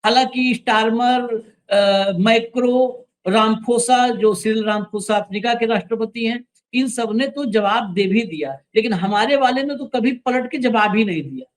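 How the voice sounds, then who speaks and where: A man's voice: very high voice, a little slow, rough recording. A man hosting an opinionated news commentary show, speaking in a sarcastic, emphatic way and directing the crew to roll clips.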